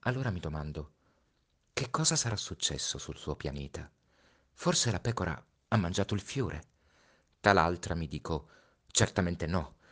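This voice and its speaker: A man reading a story aloud, slow and reflective with hushed pauses. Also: low-pitched, expressive. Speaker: storybook reader. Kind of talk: read-aloud story narration.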